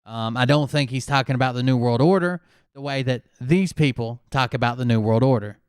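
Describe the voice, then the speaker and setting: A man with a smooth, clear voice talks things through in a calm, skeptical way, swearing now and then. He hosts a casual commentary chat, and his voice sounds close and dry. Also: mid-range voice, brisk, dry recording. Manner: skeptical, explains calmly, swears.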